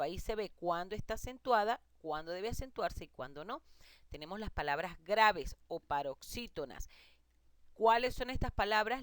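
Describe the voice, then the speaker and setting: A woman's voice: mid-range voice, a bit bright, no room sound. A woman teacher giving a recorded grammar lesson, explaining rules patiently and listing examples one by one.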